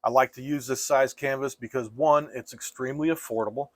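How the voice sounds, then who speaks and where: A man teaching painting step by step in a casual, gentle and reassuring way, like an easygoing instructor. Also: medium pitch, steady tone, fairly quick, no echo.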